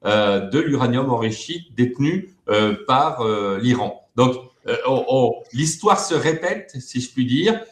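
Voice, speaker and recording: A man's voice: medium pitch, expressive, unhurried, few pauses. Hesitant man with roomy echo. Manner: hesitant, many fillers and repeated words. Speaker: guest expert. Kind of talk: web TV interview.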